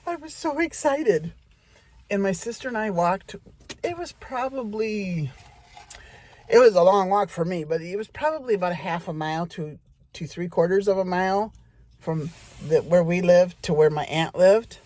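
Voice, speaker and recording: A woman's voice: lowish voice, normal speed, warm tone, dry recording. A middle-aged woman telling a rambling personal story in a chatty way, talking straight to her audience.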